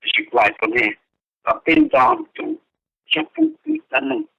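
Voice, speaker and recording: On a dull, lo-fi telephone conference line, a man chats conversationally as one participant in a group call. His voice is very high and creaky, with wildly swooping pitch, and he speaks without hurrying.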